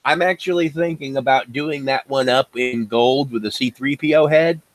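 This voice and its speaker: A man's voice: medium pitch, normal speed, rough recording. A man in a casual podcast chat, explaining things at length on a voice call.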